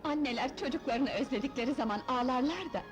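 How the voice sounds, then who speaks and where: An actress playing a gentle, tearful young mother in a 1970s film drama. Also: high-pitched, quick pace, close to an everyday voice. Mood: tender. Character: tender young mother returned home. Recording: old film soundtrack with score music. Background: film score music.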